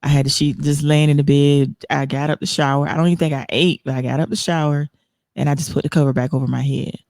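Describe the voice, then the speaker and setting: A woman's voice: deep voice, little pitch movement, fast talker, gravelly, darkish tone, no room sound, studio quality. A woman hosting an online talk show, speaking earnestly and emotionally, rambling with frequent restarts. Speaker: host.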